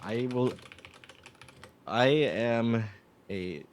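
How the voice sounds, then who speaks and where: A man's voice: medium pitch, drawn-out words, slight background noise. A man from New Jersey hosting a casual stream chat with friends, rambling with lots of fillers and restarts. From New Jersey, USA. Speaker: streamer host.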